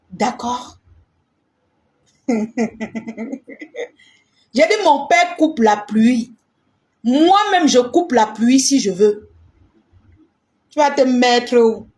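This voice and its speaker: A woman ranting defiantly in a live stream, boastful and repetitive, rising into shouts. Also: a little high.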